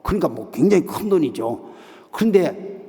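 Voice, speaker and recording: Male revival preacher, lively storytelling with a gravelly, raised voice, sanctuary echo. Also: on the high side, moderate pace. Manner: animated storytelling that acts out quoted voices. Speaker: missionary preacher. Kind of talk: revival meeting sermon with a story. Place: church sanctuary. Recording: long hall reverb of a church sanctuary.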